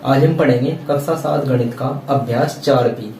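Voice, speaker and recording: A man's voice: mid-range voice, moderate pace, dark tone, slight background noise. Man teaching at a blackboard, echoey. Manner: repeats "theek hai" as a check-in filler; patient, explanatory, addresses students directly. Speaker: maths teacher. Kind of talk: blackboard maths lesson. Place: classroom at a blackboard. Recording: echoey room, voice from a distance, faint ambience.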